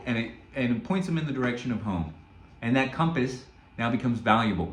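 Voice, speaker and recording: Medium-pitched and roomy-sounding, this self-help coach delivers an earnest motivational lesson built around a story. He keeps checking in with his listeners by asking "right?"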